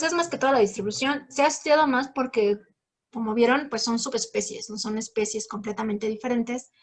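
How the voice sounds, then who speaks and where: A woman lectures and fields questions from students. Her voice sits a little high, and she explains patiently, leaning often on fillers. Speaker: guest lecturer. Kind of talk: academic talk answering questions.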